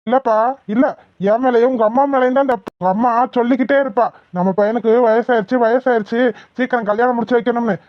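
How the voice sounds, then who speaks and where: Cartoon: woman voicing gruff, scolding Thoothukudi village dad, dry lo-fi take. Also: a little high, fairly even intonation, quick pace, no echo, close to an everyday voice. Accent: Thoothukudi Tamil. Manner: scolding, exasperated. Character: stern village father, middle-aged man, scolding. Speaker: voice actor in a cartoon. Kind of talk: cartoon voice acting.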